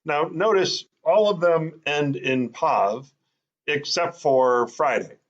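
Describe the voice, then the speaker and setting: A man with a voice on the high side gives a casual explanatory lesson slowly, thinking aloud and using many fillers as he sounds out words. The highs in the recording are cut off.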